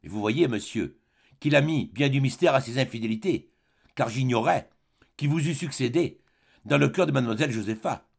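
An indignant, dignified middle-aged baroness who rebukes in a declamatory tone, as a male audiobook reader puts her on. The voice swings widely in pitch and carries a gravelly, husky edge. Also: expressive, moderate pace.

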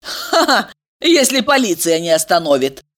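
A woman's voice: sing-song, moderate pace, fairly bright tone. A woman voicing a bossy, scheming young woman who scolds and shrieks at her friend. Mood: scolding, shrill. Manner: shrill, scolding, sarcastic.

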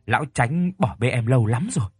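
A man's voice: medium pitch, animated, a little fast, a little mellow, husky, no room sound, studio quality. A man voicing a flirtatious, unfaithful second wife in a horror story. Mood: flirty.

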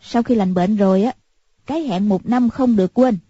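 A woman's voice: medium pitch, normal speed, warm tone, breathy edge, no echo, lightly acted. A woman voicing a bitter, eerie older recluse who speaks harshly and grimly. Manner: harsh and grim. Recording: muffled lo-fi recording.

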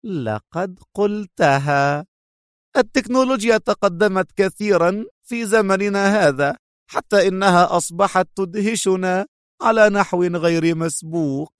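A man's voice: sits high, lively intonation, creaky, a little mellow, no room sound, studio quality, pitched above the performer's own voice. A man voicing a smug, mocking young woman captive who speaks sarcastically and drags out her words. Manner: sarcastic, teasing, drawn-out.

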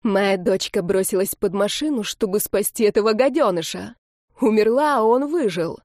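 A woman acting out a drunk old grandmother, half-mad with grief, who screams venomous curses in an audiobook scene. The voice is dark and mellow and sits close to the mic in a dry, dead room. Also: mid-range voice, normal speed, no echo, lightly acted. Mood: screaming hatred. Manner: shrieking curses, hateful.

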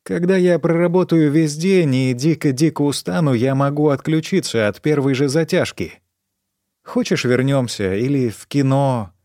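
A man's voice: normal speed, dark tone, no echo, studio quality, lightly acted. A man voicing an erratic, stoned young woman in an audiobook, rambling and repeating herself. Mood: pleading. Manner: shrill outbursts, rambling repetition. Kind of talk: audiobook character voice.

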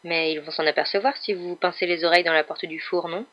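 A woman voicing a polite, hesitant young wizard boy in an audiobook, keeping close to her own low voice. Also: fairly even intonation, fast talker, highs cut off, close to an everyday voice. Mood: uneasy. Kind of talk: audiobook character voice.

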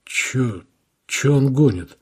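A man's voice: mid-range voice, lively intonation, takes it slowly, breathy edge. A man voicing a sullen, weary ex-convict who mutters his answers, in an audiobook.

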